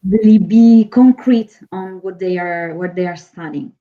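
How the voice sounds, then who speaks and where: A woman's voice: lowish voice, unhurried, phone-quality sound. A woman interviewing a student, asking polite, somewhat hesitant questions.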